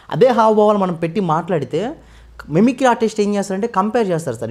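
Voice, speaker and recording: A man from West Godavari in India, a mimicry artist, telling his story in a casual interview and often addressing the interviewer as sir. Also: fairly high pitch. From West Godavari, Andhra Pradesh. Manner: fast, animated storytelling with frequent sir.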